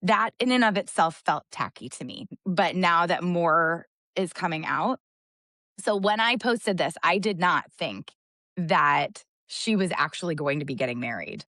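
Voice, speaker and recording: A woman telling a story in a casual podcast chat, fired up and rushing through long run-on sentences. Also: lowish voice, lively intonation, pushed and bright, no echo, studio quality. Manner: impassioned, rapid run-on storytelling.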